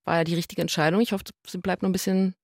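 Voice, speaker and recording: A woman in her thirties, co-hosting a casual podcast and telling stories in a lively way. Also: fairly low pitch, racing, creaky, no room sound, clean studio sound. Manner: lively storytelling, acts out quoted voices. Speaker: podcast co-host. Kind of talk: casual chat.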